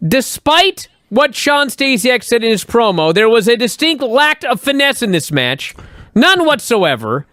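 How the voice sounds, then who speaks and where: A man hosting a podcast, recapping old wrestling shows in a profane, animated way and acting out quotes. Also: very high-pitched, measured pace, dry recording, clean studio sound. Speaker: podcast host.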